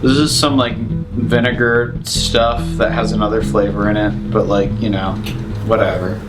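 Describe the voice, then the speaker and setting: A man with a mid-range voice hosts a casual cooking demonstration with loud plucked guitar music behind him. He sounds a bit tipsy, and he explains each step in a rambling, offhand, informal way. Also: medium pitch, rough recording. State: somewhat tipsy from drinking. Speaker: cooking show host.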